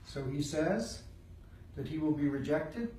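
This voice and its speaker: A man's voice: a little high, lively intonation, unhurried, warm tone, a little hiss or hum. A man teaching a Bible study, driving his points home through repeated phrases. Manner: emphatic, repeats phrases for weight. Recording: roomy sound from a distant mic.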